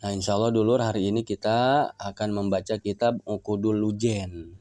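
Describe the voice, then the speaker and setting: A man's voice: on the low side, fairly even intonation, normal speed, mellow, dry recording. A man with a Sundanese accent teaching from a religious book, retelling it in folksy everyday talk. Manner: folksy, explains in plain talk. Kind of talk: kitab reading lesson. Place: shrine visit.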